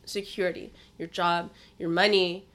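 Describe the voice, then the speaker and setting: A woman meditation teacher hosting a casual podcast, explaining things in an informal, animated way. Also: fairly low pitch, moderate pace.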